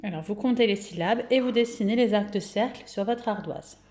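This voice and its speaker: A woman with a French accent giving a phonics lesson to young children at home, speaking patiently and clearly and drawing out each word's syllables. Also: medium pitch, a little mellow. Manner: slow, clear, patient, syllables drawn out and repeated. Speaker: kindergarten teacher.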